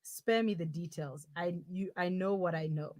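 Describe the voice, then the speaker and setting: A woman's voice: fairly low pitch, normal speed, darkish tone, dry recording, lightly acted. A woman playing a dry, sarcastic young girlfriend. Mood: accusing. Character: blunt young woman stuck in her boyfriend's body. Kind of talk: comic audio drama.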